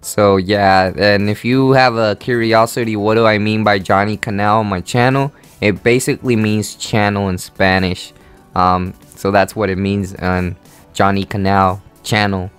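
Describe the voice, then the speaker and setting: An eighteen-year-old man from Honduras answers viewer questions in a loose, rambling vlog, full of ums and restarts. His voice sits a bit low and comes across smooth and clear. Soft background music plays faintly behind him. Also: fairly even intonation, a little slow. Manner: rambling, filler-heavy, easygoing. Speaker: gaming channel host. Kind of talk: casual Q&A vlog.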